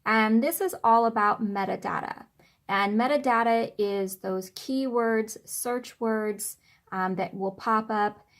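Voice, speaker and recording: This woman in her thirties, a self-publishing author who hosts videos, takes it slowly in a voice on the high side as she chats through an informal how-to tutorial. She records at home in a small furnished room, relying on the camera's built-in mic rather than an external one.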